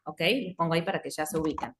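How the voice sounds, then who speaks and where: A woman's voice: deep voice, quick pace, slight background noise. Argentine woman, phonology teacher on a video call, bilingual, keeps asking "ok?". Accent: Argentine Spanish. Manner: mixes Spanish and English, checks understanding often. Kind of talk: online class explanation.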